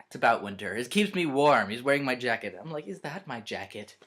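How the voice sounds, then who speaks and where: A young man, a college student vlogging from his bedroom, telling a story in a rambling, self-interrupting, animated way. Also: mid-range voice, fairly quick. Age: young adult. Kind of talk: storytelling vlog.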